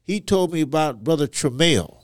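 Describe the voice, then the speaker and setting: A man from Ivory Coast, giving personal testimony as a podcast guest in halting, hesitant phrases. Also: on the high side, expressive, no room sound, clean studio sound. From Ivory Coast, West Africa. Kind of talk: personal testimony in a conversational interview.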